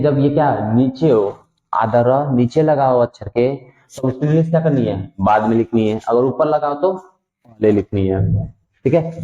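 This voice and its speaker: This Hindi alphabet lesson is led by a man whose mid-range voice has a warm tone. He repeats the sounds patiently and makes sure students understand, though the room echoes and the recording is dull and lo-fi.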